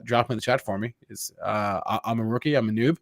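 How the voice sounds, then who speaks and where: A man's voice: on the low side, quick pace, dry recording. A man co-hosting a morning market show, chatting casually and joking about himself. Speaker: co-host. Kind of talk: casual chat.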